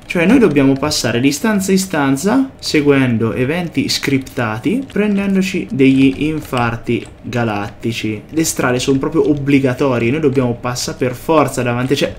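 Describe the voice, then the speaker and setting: A man doing a let's play commentary on a horror game, excitable, swearing and shouting whenever something jumps out. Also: medium pitch, a little hiss or hum. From Italy. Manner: excitable, swears and yelps at scares. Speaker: gameplay commentator.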